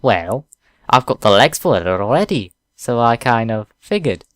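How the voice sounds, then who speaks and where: A man's voice: medium pitch, big pitch swings, normal speed, dry recording, studio quality, natural voice. A man reading a cheerful girl's mock pirate bluster. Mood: playful bluster. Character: cheerful teenage girl playing pirate.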